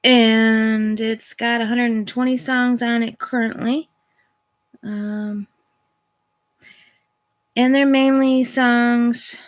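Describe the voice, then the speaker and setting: A woman's voice: on the high side, flat delivery, takes it slowly, long pauses. A woman tarot reader chatting casually on a home livestream, rambling with ums and self-corrections. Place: at home at a computer. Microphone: phone or computer mic.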